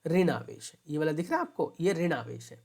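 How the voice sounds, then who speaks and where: A woman's voice: deep voice, big pitch swings, brisk, vocal fry, a little mellow, breathy edge. A woman teacher explaining a school science lesson, calling her students "beta" and repeating each question and answer.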